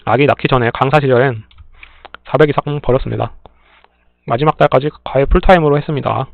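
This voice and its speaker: A man's voice: mid-range voice, quick pace, gravelly, no room sound. Man reading stories on a tinny line. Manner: plain steady reading, brief dry remarks. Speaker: story reader and channel host. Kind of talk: reading listener stories aloud with short comments. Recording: tinny phone-like dry sound.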